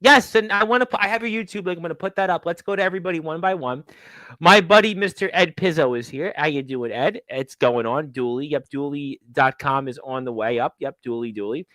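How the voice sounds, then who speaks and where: High bright-voiced guy hosting a wrestling chat show, laughs a lot, dry close sound. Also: fairly quick, dry recording, poor audio. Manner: chatty, laughs often, shouts out chat viewers. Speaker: podcast host. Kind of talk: casual wrestling radio chat.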